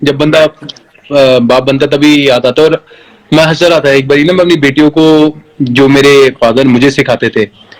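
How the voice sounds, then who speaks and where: A man in his thirties, a guest on a phone video chat, talking in a relaxed, reflective way. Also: medium pitch, unhurried, low-quality recording. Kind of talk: casual live video chat. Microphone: phone on a video call.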